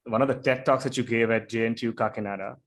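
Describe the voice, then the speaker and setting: A man's voice: mid-range voice, steady tone. A man hosting a casual interview, repeating words as he works his way into questions. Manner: halting, repeats words while forming questions. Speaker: podcast host.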